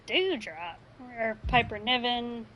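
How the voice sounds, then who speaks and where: A woman's voice: a little high, animated, slow pace, lo-fi sound, slight background noise. A woman giving casual, blunt commentary while she plays a video game. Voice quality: chatty, blunt opinions. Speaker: gamer.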